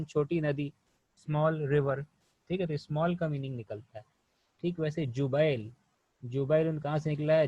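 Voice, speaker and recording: An Indian man explains Arabic grammar in an online class, patiently posing questions and answering them himself, mixing in English words and often saying "theek hai". His voice is medium-pitched and dark, and the audio is dull with no room sound.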